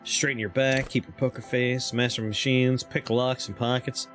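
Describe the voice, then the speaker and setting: A man's voice: mid-range voice, level tone, normal speed, fairly bright tone. A man livestreaming a game, chatting casually and reading options aloud as he plays. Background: faint game music.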